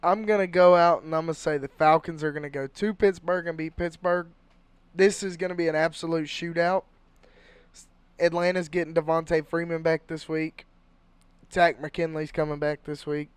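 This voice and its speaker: An excitable man rambles through his sports picks on a casual podcast. His voice is fairly high and crisp, recorded dry and close. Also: no room sound. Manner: excitable, rambling, fast bursts. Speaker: podcast co-host.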